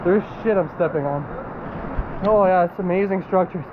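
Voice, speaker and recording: A man with a high voice films a casual adventure vlog outdoors. He swears freely and exclaims as he talks. Loud rushing water runs heavily behind his voice. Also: narrow, tinny audio, noisy background. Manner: profane, exclamatory. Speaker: vlogger. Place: outdoors at a rocky river and cave.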